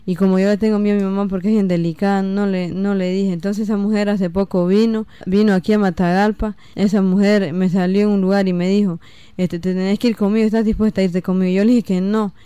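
Halting young Nicaraguan woman, flat and mellow. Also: medium pitch, smooth, no echo. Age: young adult. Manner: halting, many "este" fillers. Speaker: interviewee giving testimony. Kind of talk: personal testimony.

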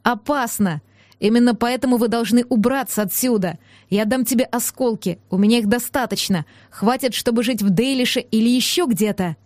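A woman voicing a gruff, brooding man who speaks slowly and growls his clipped lines in anger. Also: on the high side, a little mellow, dry recording, lightly acted. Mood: furious.

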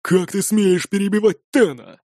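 Guy reading as a fierce viking growling low and slow, dry sound. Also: a little mellow, dry recording.

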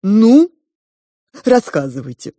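Slow, dark-voiced pig lady, as a woman puts her on. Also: mid-range voice, very animated, no echo, studio quality. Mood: ponderous. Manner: slow, ponderous, drawn-out speech. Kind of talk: audiobook character voice.

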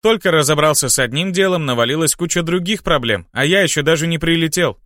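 A man narrating a first-person audiobook in a steady storytelling manner. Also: a little high, fast talker, dry recording, studio quality.

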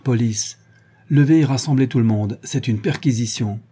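A man's voice: mid-range voice, moderate pace, dark tone, breathy edge, close to an everyday voice. A man voicing a cold, tense male police inspector who gives curt, commanding orders in an audiobook.

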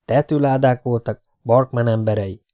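A man's voice: mid-range voice, steady tone, mellow, dull audio, close to an everyday voice. A man doing a terse tough adventurer. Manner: terse, matter-of-fact.

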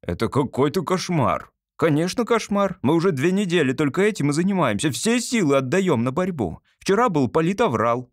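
A man's voice: a little high, big pitch swings, normal speed, hardly any pauses, dry recording, clean studio sound, voice pushed up. A man voicing a smug twelve-year-old pioneer boy who lectures his father in political jargon. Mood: indignant.

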